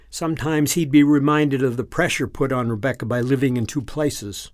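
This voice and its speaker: Man, story narrator, even unhurried reading, middle pitch, dry close mic. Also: no echo.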